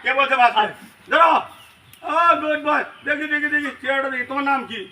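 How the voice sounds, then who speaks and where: A man teaching English in a large classroom, loudly leading call-and-response drills. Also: very high-pitched, a little fast. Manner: loud, energetic, often shouting prompts to a class. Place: large classroom full of students. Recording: echoey classroom, distant mic, loud student chorus and noise.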